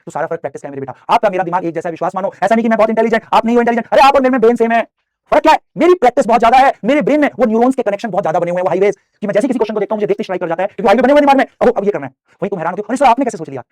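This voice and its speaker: Rapid-fire fatherly man teaching chemistry. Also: high-pitched, no echo, studio quality. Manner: animated, fatherly, calls students beta. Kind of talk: online coaching lecture.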